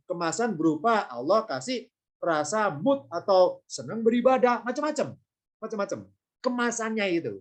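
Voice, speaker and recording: A man teaching Quranic grammar in an informal lesson, explaining patiently through repeated points and everyday examples. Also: high voice. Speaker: Islamic teacher.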